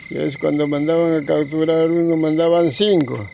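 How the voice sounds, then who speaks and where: An older man with a northern Peruvian accent and a gravelly voice tells stories informally, rambling and repeating his phrases. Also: fairly high pitch, steady tone, normal speed, warm tone, a little hiss or hum. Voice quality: gravelly, creaky aged voice. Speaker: grandfather recounting local oral history. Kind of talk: informal oral storytelling.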